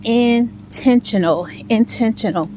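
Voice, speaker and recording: A woman's voice: a little high, takes it slowly, dark tone, poor audio. A woman talking casually and encouragingly to followers while out walking, repeating phrases for emphasis. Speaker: vlog host. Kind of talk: casual motivational talk to followers. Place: outdoors, walking in a residential neighborhood. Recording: clear outdoor noise, passing vehicles. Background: outdoor ambience, vehicle noise.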